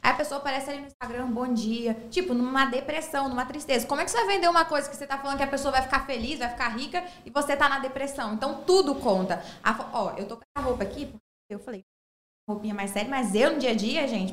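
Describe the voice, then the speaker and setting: A young woman tells her stories fluently and quickly in a high voice. She is a talk show guest, heard in a roomy studio. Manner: fluent, lively storyteller. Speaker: guest entrepreneur. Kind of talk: casual talk show chat.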